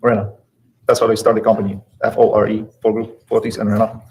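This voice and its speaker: A man in his forties from Poland with a Polish accent, giving quiet, hesitant testimony as a witness in a courtroom. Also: fairly low pitch, level tone, quick pace, rough recording. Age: 40s. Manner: quiet, hesitant, short answers.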